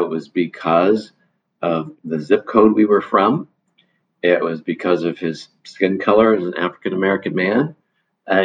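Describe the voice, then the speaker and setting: A man answering interview questions in a measured way, often restarting his sentences. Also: low-pitched, slightly rough. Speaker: guest, foundation leader. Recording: dull lo-fi audio.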